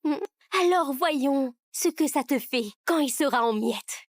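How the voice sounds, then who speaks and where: A woman's voice: high voice, measured pace, no echo, clean studio sound. A woman acting a cruel, gleeful accomplice in a dubbed melodrama, taunting. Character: cruel, gleeful young woman egging on a bully.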